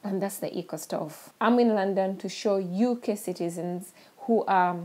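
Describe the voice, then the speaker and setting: In a mid-range, slightly mellow voice, a middle-aged woman speaking with a Ugandan accent presents and demonstrates her own invention. Her delivery is halting, full of ums and restarts.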